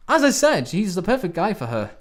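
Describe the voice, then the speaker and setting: In a radio drama, an actor plays a troubled, drifting man, a wry and self-deprecating romantic whose delivery is halting. He uses a full character voice that is high with huge pitch swings, and the mood is wistful and resigned.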